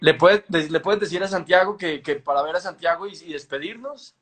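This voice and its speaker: Higher-voiced man hosting a casual interview. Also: moderate pace, fairly bright tone. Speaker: interviewer and host. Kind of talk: casual live chat interview.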